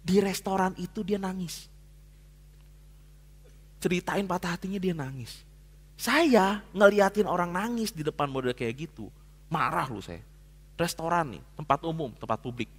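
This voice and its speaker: A man preaching a sermon as a pastor, telling a personal story in casual slang and swinging from hushed to loud. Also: sits high, moderate pace, pauses often, breathy edge. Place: church hall. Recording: long hall reverb.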